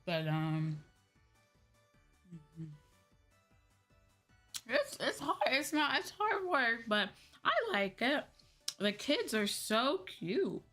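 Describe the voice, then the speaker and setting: With music in the background, a young adult VTuber chats on her livestream in a high-leaning, sing-song voice that is bright and forceful. She speaks very slowly and pauses often, musing hesitantly over chat, her voice a little sore and weary from talking all day.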